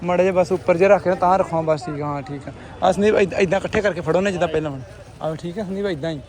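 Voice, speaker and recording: A man's voice: sits high, rapid-fire, a little mellow. A man vlogging casually at home, chatty, giving directions to family as he films. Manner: chatty, instructing family members. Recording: noisy home background.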